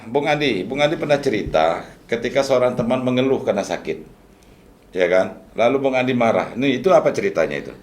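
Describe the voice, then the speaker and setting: A man hosting a casual podcast interview, calm, often murmuring agreement. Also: medium pitch, fairly quick, a little hiss or hum. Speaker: podcast host.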